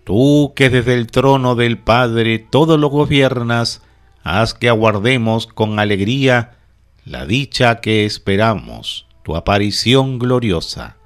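A man leading prayer, reciting liturgy in a measured, solemn way in short phrases. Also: medium pitch. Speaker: prayer leader.

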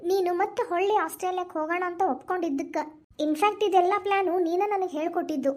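Woman voicing a scheming young cartoon wife, north karnataka kannada accent, pleading and plotting, high voice. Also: rapid-fire, a little mellow. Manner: pleading, then plotting in low asides. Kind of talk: cartoon voice acting.

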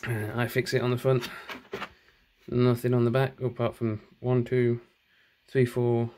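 Speaking at a slightly slow pace with a flat delivery, this man has a warm, mid-range voice, and the recording carries a little hiss or hum. As a channel host at home indoors, he casually works through an unboxing, thinking aloud and self-correcting while filming one-handed with his phone.

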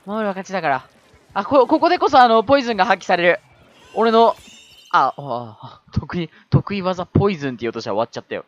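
A man giving live commentary over his own gameplay, excitable, yelling at tense moments and adding self-mocking asides. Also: high-pitched, fast, muffled recording.

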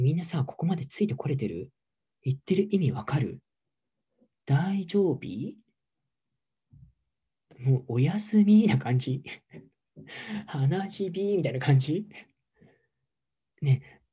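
Man, middle-aged, yoga teacher, campy and teasing, mellow husky voice, casual livestream talk. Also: on the high side, sing-song, unhurried, pauses often. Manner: reads viewer comments aloud.

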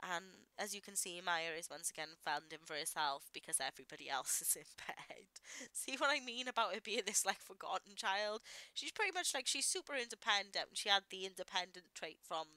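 A woman's voice: mid-range voice, lively intonation, brisk, sharp tone, dry recording, poor audio. A woman, a parent, giving chatty, rambling voice-over commentary on gameplay she recorded earlier. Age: adult parent. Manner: chatty and rambling, lots of "like" and asides. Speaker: gaming YouTuber.

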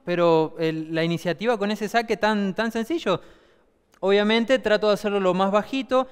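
A man's voice: high voice, clear, resonant tone, in a large hall. A man with an Argentine accent teaching a table tennis clinic, explaining with many rhetorical questions. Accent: Argentine Spanish. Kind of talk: demonstration class.

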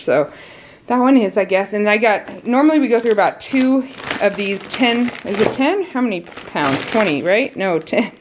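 A woman's voice: mid-range voice, a little hiss or hum. A woman in her thirties from the United States, a mother of a large family who chats and laughs often while showing her grocery haul at home. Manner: chatty, laughs often, talks while handling items. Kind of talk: casual grocery haul vlog. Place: indoors at home, kitchen.

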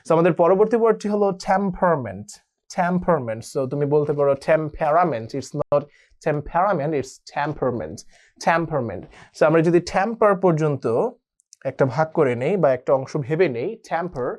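A man's voice: on the high side, expressive, a little fast, a little mellow. A man teaching a spelling lesson who mixes English words into his talk and spells words out letter by letter. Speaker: online spelling tutor.

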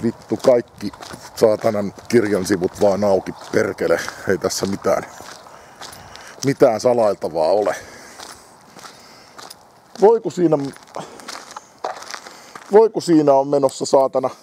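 A man's voice: on the low side, lively intonation, pauses often, warm tone, a little hiss or hum. Swearing man on a dog walk. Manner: heavy swearing, muttering to himself and his dog. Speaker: vlogger. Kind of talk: rambling walk-and-talk monologue. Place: outdoors on a village road in winter.

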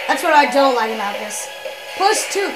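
With big pitch swings in her high voice, this gameplay video maker comments loosely on her own play at a moderate pace. She keeps restarting sentences and correcting herself, and the rough recording carries loud game music behind her.

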